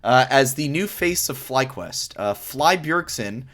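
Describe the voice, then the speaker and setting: A man's voice: medium pitch, lively intonation, measured pace, fairly bright tone. A man hosting a casual esports stream chat, joking and laughing often. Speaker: host.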